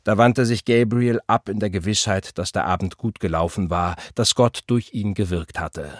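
A man narrating an audiobook in a calm, measured, subdued reading. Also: lowish voice, no room sound, clean studio sound. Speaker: audiobook reader. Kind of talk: scripted narration.

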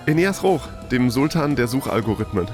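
A man's voice: medium pitch, very animated, normal speed, music in the background. A man co-hosting a podcast, telling stories in a casual, conversational way. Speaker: podcast co-host.

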